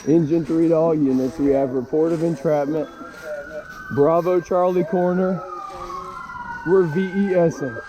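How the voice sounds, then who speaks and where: A man's voice: on the high side, fairly even intonation, unhurried, pauses often. A male fire officer speaking in urgent firefighter radio style, giving clipped, commanding orders at a scene. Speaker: fire officer on an engine crew. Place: outdoors at a fire scene and in engine. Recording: noisy outdoor body-camera audio with vehicle noise.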